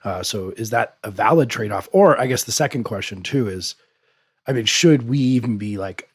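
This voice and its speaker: A man's voice: fairly low pitch, husky, dry recording, clean studio sound. A man hosting a podcast, asking long, hesitant questions full of restarts. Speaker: podcast host. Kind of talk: interview questions.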